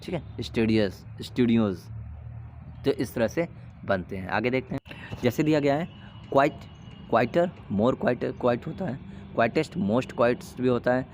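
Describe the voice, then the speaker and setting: A man teaching an English grammar lesson, explaining in Hindi and reading English rules slowly, with an Indian accent. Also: mid-range voice, darkish tone, a little hiss or hum.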